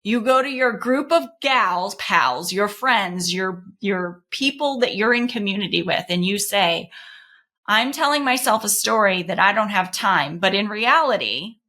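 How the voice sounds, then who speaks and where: Animated woman coach, bright voice. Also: mid-range voice, a little slow. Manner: animated, playful, full of "like" asides. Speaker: guest coach. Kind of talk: casual podcast conversation.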